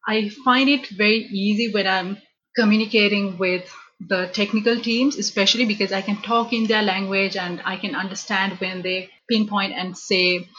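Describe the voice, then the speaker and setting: A woman from Sri Lanka talks through her working life as an interview guest, pausing on fillers and restarting sentences as she thinks. The sound is a little dull, with a faint hiss underneath. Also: mid-range voice, fairly even intonation, fairly bright tone. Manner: thoughtful, many fillers and restarts. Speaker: interview guest, business analyst. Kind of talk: conversational interview answers.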